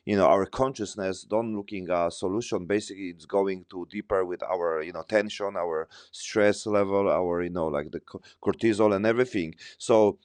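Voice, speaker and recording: A man hosting a podcast in casual talk, halting and searching for his words as he thinks aloud. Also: sits low, darkish tone, clear, resonant tone, no echo. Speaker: podcast host. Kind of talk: casual conversation.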